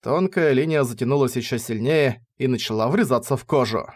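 A man's voice: medium pitch, fairly quick. Man narrating a fantasy audiobook.

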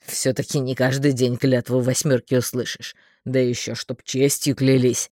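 A man plays a blunt, good-natured fellow who says things straight out in a hearty tone. His voice is mid-pitched and sounds dry and close. This storybook companion comes across as easygoing and a little rough. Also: flat delivery, moderate pace, a little mellow, dry recording, lightly acted.

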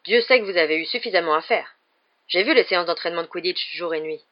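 A reader voicing a huge, kind male gamekeeper who speaks earnestly and loudly. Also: medium pitch, fast talker, lo-fi sound, close to an everyday voice. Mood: grave.

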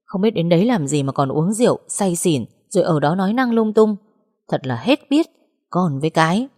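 A woman's voice: lowish voice, animated, brisk, darkish tone. A woman voicing a short-tempered middle-aged father who scolds his family in an audio story. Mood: exasperated. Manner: scolding, gruff.

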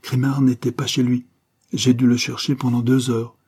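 A man voicing a weak-willed, anxious thief who speaks softly and submissively, reading an audiobook. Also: medium pitch, little pitch movement, moderate pace, slightly rough, pitched above the performer's own voice, close to an everyday voice. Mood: weary. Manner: hushed, fearful, pleading. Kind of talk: audiobook character voice.

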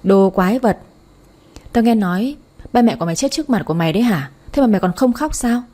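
A woman's voice: medium pitch, expressive, quick pace, mellow, lightly acted. A woman voicing a cruel young boy who taunts another child in an audiobook story, speaking with contempt. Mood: taunting.

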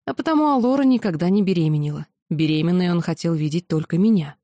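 A woman narrating a first-person audiobook in a steady, measured way. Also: fairly low pitch, dry recording, clean studio sound.

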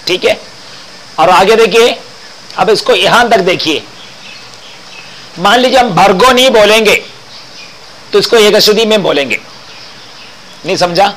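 A man teaching Vedic mantra chanting, intoning each line slowly and then explaining the pitch marks. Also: animated, a bit bright, slight background noise, low-quality recording.

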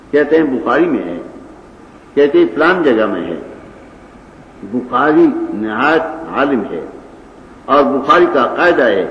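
An older man with a Pashtun accent delivers a religious lecture, arguing points step by step and reciting Arabic passages. His voice rings through a large reverberant hall, captured on a dull, lo-fi old recording with faint noise behind. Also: mid-range voice. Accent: Pashtun-accented Urdu. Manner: didactic, argumentative, quotes Arabic texts. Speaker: Quran and hadith teacher.

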